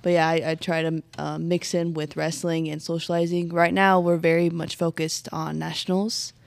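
Young woman with a gravelly low voice. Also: level tone, moderate pace, no room sound. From Colorado. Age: young adult. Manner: hesitant, thoughtful, many ums. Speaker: student wrestler guest. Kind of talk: casual interview answers.

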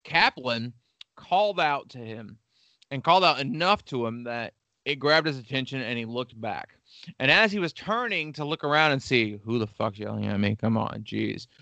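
A man's voice: mid-range voice, lively intonation, normal speed, sharp tone, no echo. A man hosting a casual history podcast, telling the story with crude jokes and lots of swearing. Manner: crude, joking, swears often. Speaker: podcast host.

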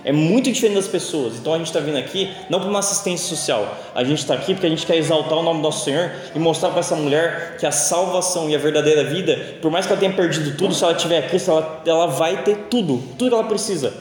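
High-voiced preacher in echoey hall. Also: male voice, fast, few pauses. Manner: casual, joking storytelling in a sermon. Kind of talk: sermon. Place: church hall. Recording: echoey church hall with long reverb.

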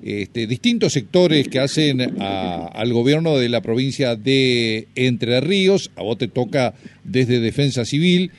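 A man with an Argentine accent hosting a radio interview, asking questions in a measured way with a few fillers. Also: mid-range voice, animated, slight background noise. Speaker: radio host.

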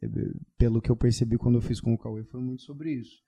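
A man's voice: medium pitch, steady tone, fast talker, dark tone, breathy edge. A young man in casual chat, telling stories with slang and swearing freely. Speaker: podcast co-host.

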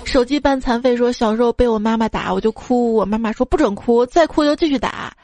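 A woman hosts a comedy podcast, reading listeners' embarrassing childhood stories aloud. Her voice sits a little high, and she acts out the parents in the stories. Soft music plays quietly behind her. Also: fairly quick. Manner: playful, laughing at her own material. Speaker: podcast host.

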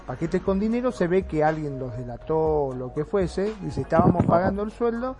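A woman's voice: fairly low pitch, normal speed, faint music behind. A woman telling an anecdote in casual chat, acting out what people said. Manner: animated anecdote teller, shouts out quoted lines. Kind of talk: casual storytelling.

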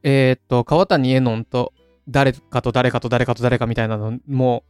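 A man co-hosting a casual podcast, chatting briskly, reading out facts and laughing easily. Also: medium pitch, steady tone, darkish tone, clear, resonant tone, no room sound, soft background music. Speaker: podcast co-host.

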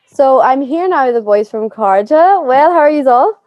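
A woman's voice: high voice, lively intonation, normal speed, no room sound, highs cut off. A woman with an Irish accent, hosting an entertainment show and interviewing guests. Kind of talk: magazine show presenting.

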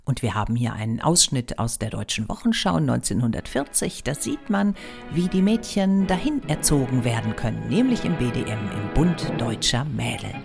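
A woman's voice: rumbling low, animated, moderate pace, creaky, music in the background. A woman explaining history as a podcast host, with wry, ironic emphasis.

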